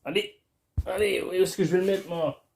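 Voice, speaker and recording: A man's voice: high-pitched, fairly even intonation, moderate pace, gravelly, a little mellow, roomy sound, slight background noise. A man alone at home, chatting casually and crudely to his camera while unboxing. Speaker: vlogger. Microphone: camera filming him.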